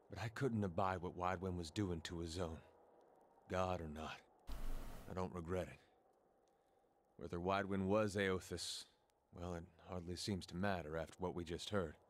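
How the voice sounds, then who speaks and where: A man's voice: low voice, slight background noise, natural voice. Man voicing a weary plain-spoken soldier. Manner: plain-spoken, quiet and reflective. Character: weary grown man, a soldier mourning his brother. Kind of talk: video game character dialogue. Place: game audio captured in a gameplay recording.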